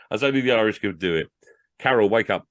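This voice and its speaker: Low-voiced animated male storyteller. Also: dry recording. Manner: animated, jumps into high voices, chuckles. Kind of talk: story reading and casual commentary.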